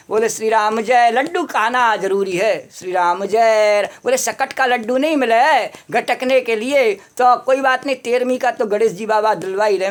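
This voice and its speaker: High-voiced woman preacher telling a devotional story. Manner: storytelling sermon broken by call-and-response chants.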